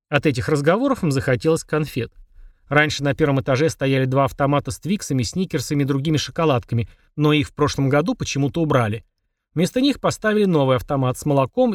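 A man narrating a children's audiobook in a lively, playful manner. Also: on the high side, fast, dry recording, clean studio sound.

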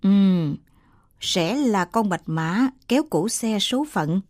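A woman's voice: mid-range voice, expressive, takes it slowly, a little mellow, dry recording. A woman voicing a young ghost soldier who reads palms, speaking in a cold, clipped, ominous way.

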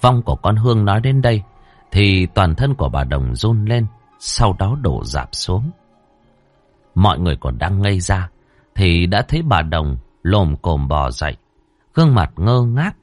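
Slow, low-voiced ghost-story narrator man. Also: no room sound, soft background music. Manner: dramatic, expressive, deliberate.

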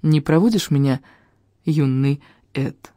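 An audiobook reader voicing a young woman singer, speaking softly but firmly in a warm, dry voice. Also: mid-range voice, takes it slowly, no room sound, natural voice. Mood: gentle. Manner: soft but firm. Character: gentle young woman singer, now stern.

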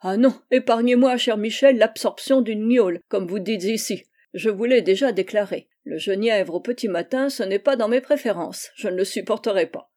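Female reader as a courteous German-accented inspector, suave and formal, mellow voice. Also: medium pitch, moderate pace, few pauses, lightly acted. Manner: courteous, flattering. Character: German Gestapo inspector, man, polite, smooth-talking.

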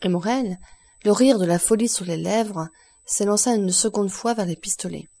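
Brief: woman audiobook narrator, warm dark tone, expressive read. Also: mid-range voice, moderate pace. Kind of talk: scripted narration.

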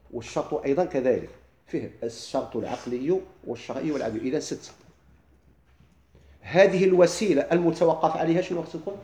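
A middle-aged man with a Moroccan accent, teaching a classroom lesson. He keeps asking his listeners quick questions and then answers them himself. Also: on the high side, mellow, echoey room. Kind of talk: classroom lesson explaining legal theory.

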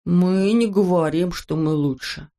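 A woman doing a jeering chubby little boy. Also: on the low side. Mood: defensive. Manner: loud, jeering, drawn-out taunts.

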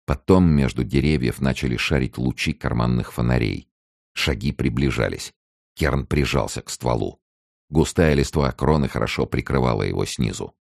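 A man reading a novel aloud as an audiobook narrator, in a steady, measured storytelling manner. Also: very deep voice, creaky, no echo, studio quality. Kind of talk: scripted narration.

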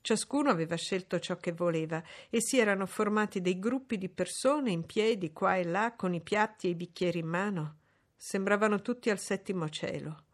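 A woman narrating a classic novel as an audiobook in a measured, clear reading voice. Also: medium pitch.

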